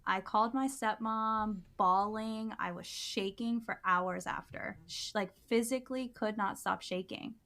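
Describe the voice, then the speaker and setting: A woman co-hosting a podcast, recounting something that happened to her. She talks casually and earnestly at a middle pitch, with lots of "like" and "um" and frequent restarts. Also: unhurried, few pauses. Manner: earnest, animated, many fillers and restarts. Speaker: podcast co-host. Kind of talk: casual storytelling.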